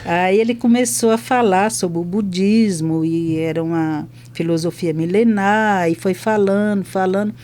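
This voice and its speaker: A woman's voice: medium pitch, measured pace, hardly any pauses. An older woman, a hospital chaplain from Brazil, telling testimony stories on a podcast and acting out both sides of each conversation. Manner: lively retelling that acts out both sides of conversations.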